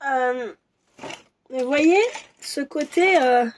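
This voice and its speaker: A woman doing a casual tarot reading for viewers, musing and hesitant, with many restarts and soft asides. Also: high voice, slow pace, slight background noise. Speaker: tarot reader.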